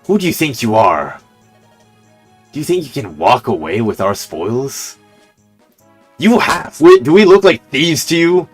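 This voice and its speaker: A man voicing a greedy bandit, gruff, sneering, blustering, slow. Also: on the low side, very animated, soft background music, heavily acted. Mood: menacing.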